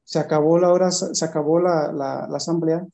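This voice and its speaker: A man giving a personal testimony in conversation, telling his story in a halting way with frequent restarts. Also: a little high, fairly even intonation, vocal fry, warm tone.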